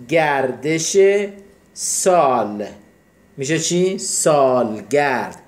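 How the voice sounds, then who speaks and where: A man's voice: a little high, reverberant. A man teaching English vocabulary, explaining each word step by step and asking questions that he then answers himself. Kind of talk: vocabulary lesson.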